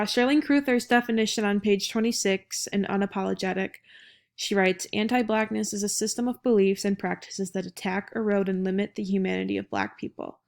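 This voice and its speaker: Young american woman doing a student presentation, lots of vocal fry, kinda hesitant. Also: medium pitch. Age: young adult. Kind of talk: informal academic presentation.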